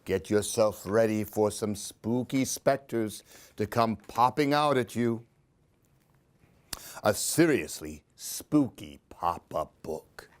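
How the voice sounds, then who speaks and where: Here the storyteller speaks slowly in a voice on the low side. He hosts a children's book show, giving Halloween picture books a dramatic read-aloud and pausing for questions and asides aimed at young listeners.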